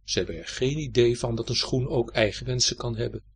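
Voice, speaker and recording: A man reading a children's story aloud in an expressive, lilting storytelling manner. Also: medium pitch, brisk, slight background noise.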